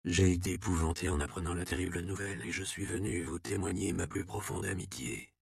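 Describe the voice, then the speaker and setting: A man doing a firm, low-voiced nobleman. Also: expressive, vocal fry, dark tone, no echo, studio quality. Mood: hushed. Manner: firm, measured. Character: noble male count, firm and authoritative.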